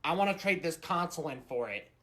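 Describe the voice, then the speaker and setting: A man's voice: fairly high pitch, animated, fast talker, sharp tone. A man playing a petulant, stubborn oddball with a tense manner in a comedy skit. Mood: stubborn, oblivious.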